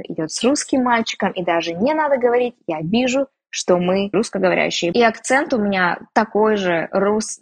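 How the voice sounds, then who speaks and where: An emigrant woman from Russia chats frankly and casually in an interview, poking fun at herself along the way. Her voice is medium-pitched and slightly rough.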